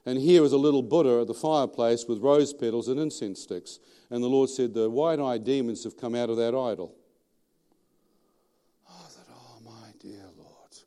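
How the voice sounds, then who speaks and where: Australian male preacher, middle-aged, colloquial storyteller, quizzes the crowd, warm mellow voice. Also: medium pitch, brisk, clear, resonant tone. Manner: animated, colloquial, asks the audience questions. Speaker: preacher giving testimony. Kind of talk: storytelling sermon.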